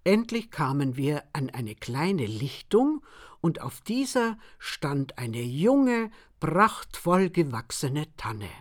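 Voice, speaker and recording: A woman narrating a humorous story in a measured storytelling manner. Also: deep voice, sing-song. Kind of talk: scripted narration.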